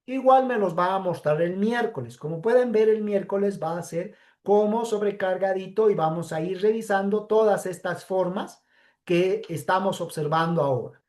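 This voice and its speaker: In this pre-recorded lecture, a woman teacher speaks in a mid-range voice with a darkish tone. She goes slowly through her explanation step by step, checking in frequently with "¿sí?".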